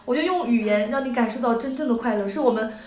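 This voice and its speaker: A young woman in her twenties spins a funny story for her audience, animated and quick to giggle. She slips into playful voices whenever she quotes someone. Her voice sits a little high and rings in an echoey room. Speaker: idol group member. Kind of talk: casual storytelling to a livestream audience.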